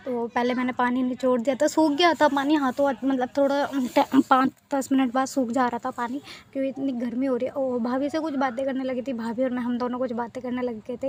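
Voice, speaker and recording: A young woman talking in a relaxed, chatty way about her home chores, with a somewhat high voice. She speaks in a level, unvaried tone and often loops back over the same point. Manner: chatty, repeats herself, says "ठीक है" often. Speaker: vlogger.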